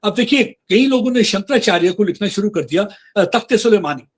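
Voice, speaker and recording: A man's voice: high-pitched, lively intonation, brisk, breathy edge. A man speaking as a guest in a political interview, earnest and insistent, switching between Hindi and English with frequent fillers.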